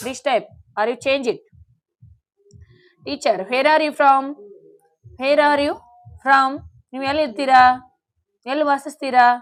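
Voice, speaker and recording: A woman teaching spoken English in a slow classroom manner, spelling out words letter by letter for learners to repeat. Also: high-pitched, fairly bright tone.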